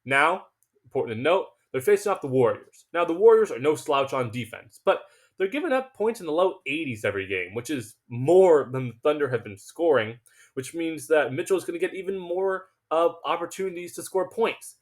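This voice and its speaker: This man's voice is on the high side and moves fairly quickly through a casual sports betting picks monologue. He's forceful and confident, occasionally tripping up and restarting as he gets worked up.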